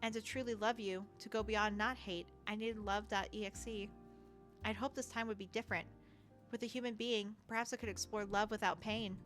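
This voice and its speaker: A woman voicing a heartbroken, self-aware robot villain who speaks in a halting, formal, mournful way. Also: medium pitch, fairly bright tone, natural voice.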